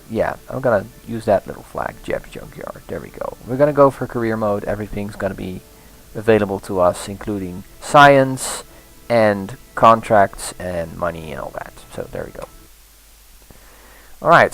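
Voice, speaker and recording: A man's voice: lowish voice, vocal fry, fairly bright tone, rough recording. A man casually commenting on a game he is playing, thinking aloud with frequent restarts and small laughs. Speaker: let's play host.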